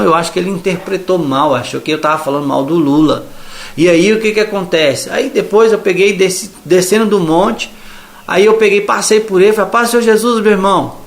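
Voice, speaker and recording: High-voiced Brazilian man telling a testimony. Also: vocal fry, fairly bright tone. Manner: chatty retelling, acting out the dialogue. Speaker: evangelical believer giving testimony. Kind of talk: testimony storytelling.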